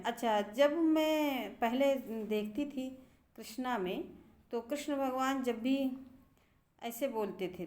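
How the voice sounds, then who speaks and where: A middle-aged woman teacher explaining grammar to students, patiently repeating words slowly to show how they are pronounced. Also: a little high, a little mellow.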